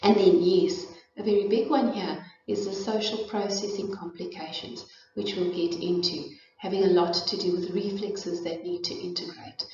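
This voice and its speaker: A middle-aged South African presenter gives an informal, educational talk on parenting and child development, her medium-pitched voice steady, a little mellow and moderately paced. She is thoughtful, frequently using fillers and restarting. The room recording comes across as echoey, distant and dull.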